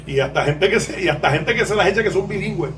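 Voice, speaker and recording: A Puerto Rican man speaks as a lawyer guest in a podcast interview, his voice set a touch high. He talks candidly and wanders off on tangents, laughing as he makes his points. The mic sits somewhat far from him, with a faint hiss underneath. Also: lively intonation, quick pace. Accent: Puerto Rican Spanish. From Puerto Rico. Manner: candid, digressive, laughs while explaining. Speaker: lawyer and legal aid board president, guest.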